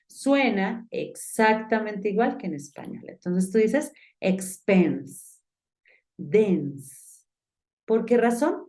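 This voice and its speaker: Warm-voiced woman teaching a lesson. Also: medium pitch. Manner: explains step by step, asking the student direct questions. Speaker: English teacher. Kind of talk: online lesson.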